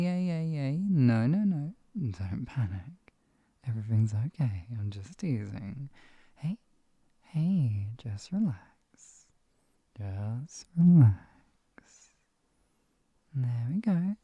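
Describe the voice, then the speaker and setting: A performer acting out a possessive hypnotist villain in an ASMR ASMR role-play. The voice is very dark and soft, with a breathy, husky edge. It coaxes and teases, murmuring and slipping into close speaks softly as if soothing a captive pet. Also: medium pitch, dry recording, exaggerated voice.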